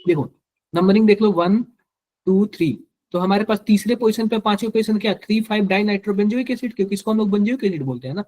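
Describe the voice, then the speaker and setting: A man's voice: sits high, fast, a little mellow. A man with a Hindi accent teaching chemistry to a live class, quizzing students and repeating each answer to drill it in.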